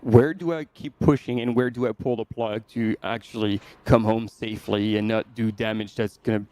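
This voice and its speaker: Guy doing casual trail race commentary, smooth clear voice, dry close sound. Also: on the low side, steady tone, normal speed, warm tone, no room sound. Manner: casual, lots of fillers like "like" and "you know".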